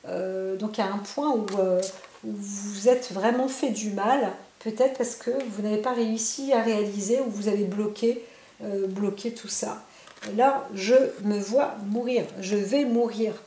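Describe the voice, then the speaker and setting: A woman's voice: mid-range voice, measured pace, dark tone, roomy sound, slight background noise. A woman giving a spontaneous oracle card reading at home, talking straight to the viewer with many fillers and tag questions. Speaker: psychic card reader.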